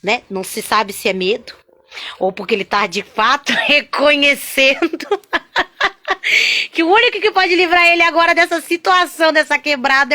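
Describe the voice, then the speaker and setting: A woman sharing a spoken religious testimony, chatty and animated, constantly tagging her sentences with little questions to the listener. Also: high-pitched. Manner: chatty, constant "né?" and "sabe?" tags; animated, swings between loud and hushed.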